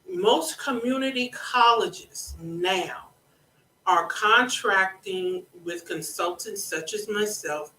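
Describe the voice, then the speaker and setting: A government contracting consultant hosting a live educational monologue, speaking deliberately and repeating key points, with a scratchy throat that keeps needing a clear. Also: medium pitch, pushed and bright, recorded from a distance. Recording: roomy echo, speaking away from the mic.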